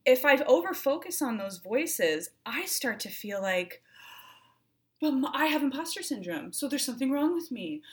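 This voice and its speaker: A woman with a high voice that swings widely in pitch co-hosts a reflective conversation about self-care at a moderate pace. She speaks thoughtfully, searching for words and repeating and reworking her phrases.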